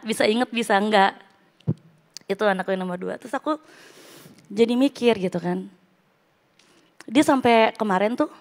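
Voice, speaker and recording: A middle-aged woman preacher giving a casual, conversational sermon and mixing English phrases into her speech. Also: fairly high pitch.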